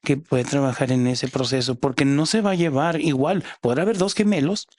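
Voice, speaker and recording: A man's voice: mid-range voice, a little fast, a little mellow, no echo. A man with a Mexican accent, a psychologist guest explaining things in a casual podcast chat with frequent restarts.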